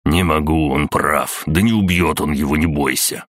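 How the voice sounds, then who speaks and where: A man reading an audiobook, voicing a calm, pragmatic male warrior who speaks steadily and reassuringly. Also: a bass voice, moderate pace, dry recording, studio quality.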